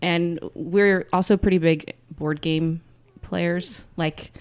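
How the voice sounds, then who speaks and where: Close and dry, this young woman talks in a slightly low voice, chatty and quick to laugh. She fills her sentences with "like" and "um" as she talks through family life in a relaxed conversation. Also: smooth, no room sound. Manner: chatty, laughs often, many fillers. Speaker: guest, new mother. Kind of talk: casual podcast conversation.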